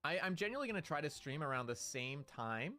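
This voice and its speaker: A man's voice: on the high side, very animated, fast, bright, forceful tone, faint music behind. A man streaming live, chatting in a hyped, playful, rambling way about his model and schedule. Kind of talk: casual live-stream chat.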